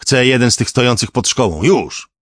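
A man voicing a desperate male killer who holds a hostage, shouting crude, frantic threats. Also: mid-range voice, expressive, moderate pace, breathy edge, no room sound, studio quality, pitched above the performer's own voice.

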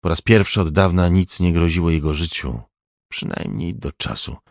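Deep-voiced male audiobook narrator. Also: creaky, no echo, clean studio sound. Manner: measured, even reading. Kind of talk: scripted narration.

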